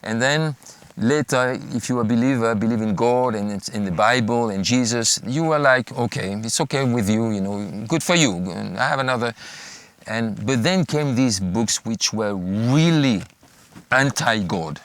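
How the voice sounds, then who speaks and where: A pastor and former math teacher from France with a French accent, answering interview questions in a thoughtful, halting way with many restarts. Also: male voice, medium pitch, smooth.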